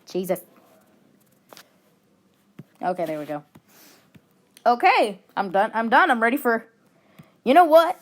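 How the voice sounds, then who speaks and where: A woman's voice: on the high side, very animated, measured pace, long pauses. A woman chatting casually on a drawing stream, goofy and jokey, tossing in movie quotes. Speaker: co-host on stream.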